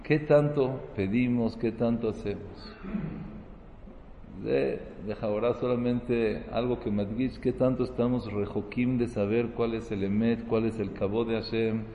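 A man's voice: mid-range voice, steady tone, a little slow, echoey room, long reverb tail, narrow, tinny audio, a little hiss or hum. A man giving a sermon as a rabbi, mixing Hebrew terms into his talk and building to emphatic, rising peaks.

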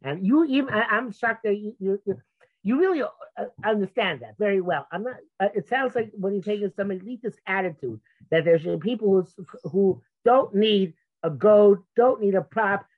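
Over a muffled, phone-like recording, a man with a high voice debates religion conversationally at a normal speed. He's insistent and argumentative, often stumbling into restarts.

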